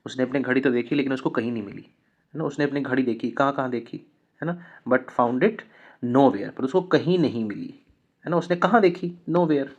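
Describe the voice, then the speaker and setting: A man teaching a grammar lesson, reading example sentences slowly and then explaining them in quick Hindi. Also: mid-range voice, dull audio.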